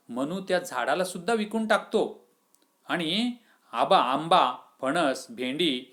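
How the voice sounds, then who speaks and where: A man's voice: mid-range voice, fairly bright tone. A man teaching a school literature lesson, reading lines aloud and then explaining them with questions to the class.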